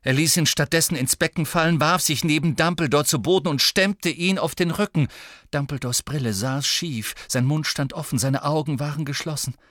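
A man reading an audiobook in a measured, subdued narrating manner. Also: a little high, a bit bright, dry recording, clean studio sound.

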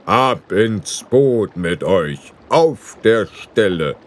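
A man voicing a grumpy old ferryman of the underworld who speaks slowly and sternly. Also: lowish voice, animated, slight background noise. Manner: slow, stern, weary. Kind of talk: audiobook character voice.

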